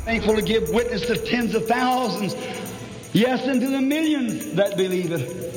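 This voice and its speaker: A man's voice: high voice, lively intonation, normal speed. A man preaching fervently in an old archival sermon recording. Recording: echoey old hall recording with music.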